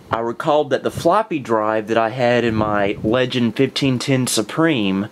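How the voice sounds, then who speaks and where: A man's voice: mid-range voice, slight background noise. A young man hosting a video, worn out and a little winded, talking in a chatty, enthusiastic way that often stops to restart a thought. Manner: chatty, self-correcting, enthusiastic. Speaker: vintage computer video host. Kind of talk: casual talk to camera.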